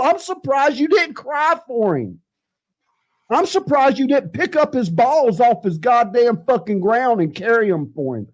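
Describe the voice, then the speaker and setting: A man in an angry, profane off-the-cuff rant, repeating himself and cursing at other channels. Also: very high voice. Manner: furious, profane, repetitive. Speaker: livestreamer ranting at other channels.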